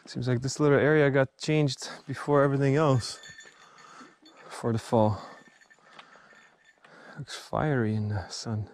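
Man in mid range, laid-back trail vlogger, short offhand remarks, a bit winded, light hiss behind. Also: mid-range voice. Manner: relaxed, chatty, pauses between short remarks. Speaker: hiking vlogger. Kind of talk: casual narration while hiking. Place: outdoors on a forest trail.

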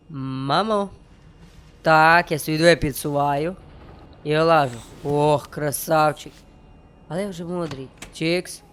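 Joking with the game and his viewers, a young let's play streamer narrates his gameplay playfully. His voice is a little high and a bit bright, and there's slight background noise.

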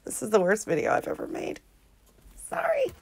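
A woman's voice: medium pitch, wildly swooping pitch, normal speed, creaky, slightly rough. Giggly rambling woman vlogger. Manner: rambling, giggly, self-mocking. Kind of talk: casual chat, reading out messages.

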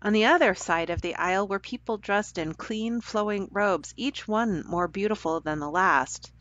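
A woman telling a children's story aloud for a church program in a gentle, caring way. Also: mid-range voice, normal speed, no echo. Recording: dull dry lo-fi recording.

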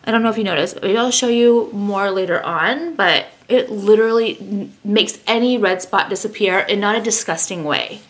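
She barely pauses, talking at a normal speed in a mid-range, slightly bright voice. The speaker is a woman in her thirties vlogging from her bedroom at home, chatting and rambling with self-deprecating humor about a skincare product, the camera at arm's length.

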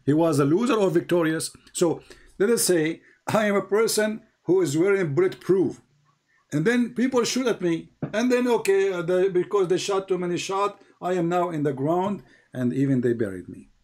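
This man, a native Arabic speaker, hosts and debates a caller at a moderate pace, sounding animated with a darkish tone. He hammers points by repeating phrases, his voice rising high when he presses questions.

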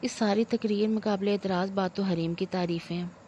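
A woman voicing a composed young husband who speaks in a measured, reasoning way. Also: mid-range voice, steady tone, mellow, dull audio, slight background noise, lightly acted. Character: composed young husband, patient and dry-humored.

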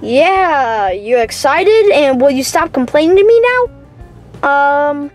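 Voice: high voice, animated, takes it slowly, faint music behind. A young voice doing a bossy, fed-up rabbit plush. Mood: impatient. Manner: bossy, exasperated. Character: exasperated rabbit animatronic plush caretaker. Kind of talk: plush toy puppet video.

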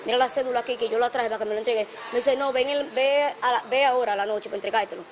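A woman's voice: fairly high pitch, steady tone, rapid-fire, slight background noise. A middle-aged woman with a Dominican accent, agitatedly retelling a dispute in an interview. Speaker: interviewee, mother.

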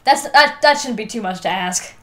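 A young woman co-hosts a podcast, casually discussing a film in an emphatic, sweary way with lots of filler "like." Her voice is a little high and somewhat bright, with lively intonation at a moderate pace.

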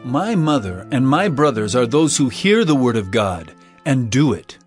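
An actor playing Jesus as an earnest, authoritative teacher in a dramatized audio Bible, speaking deliberately and solemnly. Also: male voice, mid-range voice, sing-song, soft background music, lightly acted. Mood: earnest teaching.

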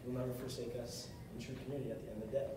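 Racing along in a medium-pitched, level voice, a young man gives a short, earnest sermon and repeats phrases for emphasis. He stands at a music stand on the stage of a big carpeted hall. A camera far across the room captures echoey, noisy audio.

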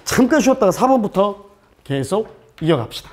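A man's voice: sits high, big pitch swings, a little fast, a little mellow. A man teaching an exam-prep English lesson, firing rhetorical questions at his students, dropping English terms into his explanations and making jokey asides.

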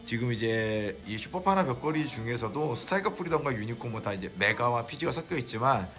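A man hosting a casual vlog, slowly walking through a display of his own builds and admiring them, with many filler words. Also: mid-range voice, expressive, fairly bright tone, faint music behind. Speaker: model builder and channel host. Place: indoor exhibition cafe.

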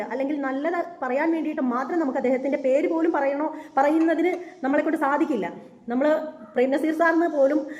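Indignant high-voiced woman ranting. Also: a little mellow. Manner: indignant, scornful, repeats herself with many fillers. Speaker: reaction channel host. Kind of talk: angry opinion rant.

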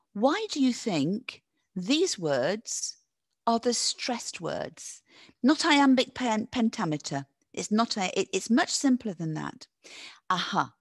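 Woman, webinar presenter; encouraging, teacherly, very lively intonation. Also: mid-range voice, no room sound. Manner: encouraging, reads chat answers aloud and praises them; lively teacherly delivery with drawn-out stressed words. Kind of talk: live online teacher-training webinar.

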